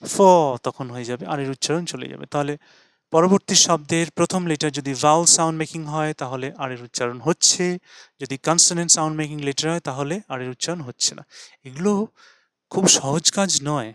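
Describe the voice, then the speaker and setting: Slow-explaining male teacher. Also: on the high side, fairly bright tone, clear, resonant tone, dry recording. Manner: explains slowly, repeating sounds and spelling out letters. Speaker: English pronunciation teacher. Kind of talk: spoken lesson.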